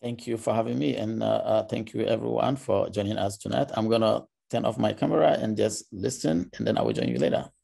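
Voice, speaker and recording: A man from Ghana speaks briefly and politely on a video call. His voice is low and dark with a heavy gravelly rasp. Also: fairly quick, few pauses. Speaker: panelist.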